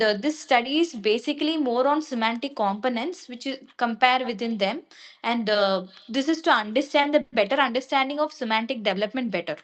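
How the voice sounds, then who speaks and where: A woman presents academic research in a fairly high voice. Her delivery is halting, with "like" dropped in often as she explains. She is speaking over an online conference call.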